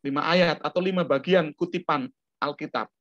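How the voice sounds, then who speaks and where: A man's voice: fairly high pitch, normal speed, fairly bright tone, dry recording. A middle-aged man from Surabaya teaching a discipleship class, chatting through anecdotes and often checking that listeners understand. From Surabaya, Indonesia. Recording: dull lo-fi recording.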